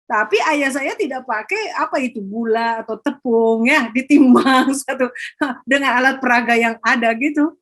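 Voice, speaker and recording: An older woman, a grandmother and education coordinator, telling lively stories with acted quotes during a conference talk. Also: a little high, normal speed.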